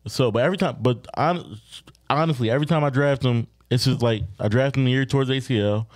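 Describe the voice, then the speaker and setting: A man co-hosting a casual podcast chat, laid-back and halting, swearing casually. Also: medium pitch, no room sound, clean studio sound. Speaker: podcast co-host. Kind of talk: casual chat among friends.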